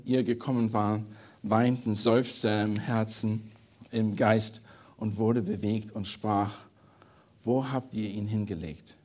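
Guy reading scripture then preaching on it, kinda husky, stumbles a bit. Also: mid-range voice. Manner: reads aloud with slips and restarts, then explains earnestly.

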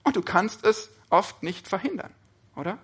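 Male preacher with a high, bright voice; earnest sermon delivery full of rhetorical questions. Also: lively intonation, normal speed, slightly rough.

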